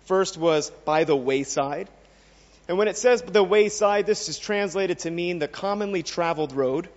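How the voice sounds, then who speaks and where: A man with a high voice preaches a sermon in an earnest way, often putting questions to his listeners. His voice rings with a long reverb, as in a large hall. The sound is muffled and dull. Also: normal speed.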